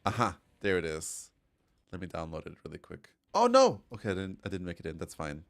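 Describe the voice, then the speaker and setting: Casting: young Austrian-accented male streamer, very low voice, chatty and giggly. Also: huge pitch swings, brisk, vocal fry, no room sound, studio quality. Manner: chatty, laughs often, reads chat aloud. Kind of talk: casual livestream chat.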